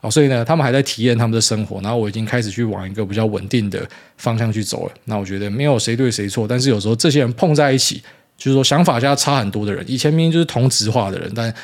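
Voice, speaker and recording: A man in his thirties with a Taiwanese Mandarin accent, hosting a casual solo podcast in a rambling, blunt way with mild swearing. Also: fairly low pitch. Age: 30s. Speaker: podcast host.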